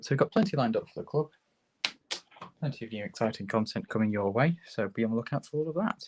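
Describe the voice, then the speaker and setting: Filmed from above at a hobby workbench, a host builds a model kit for a casual livestream tutorial, chatting in a relaxed way while his hands stay busy. He speaks fast in a low voice made hoarse by a sore throat, and there's no room sound.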